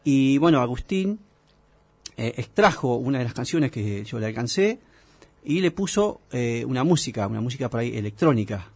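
A middle-aged man with an Argentine accent and a gravelly voice, talking casually as an interview guest in a rambling, halting way. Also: mid-range voice, expressive, no echo. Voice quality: gravelly, husky. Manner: rambling, halting, seeks agreement.

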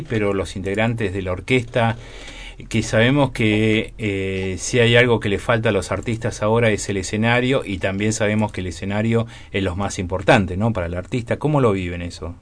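A man with an Argentine accent hosting a radio interview, chatty and enthusiastic as he promotes a concert. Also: on the low side. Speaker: radio host.

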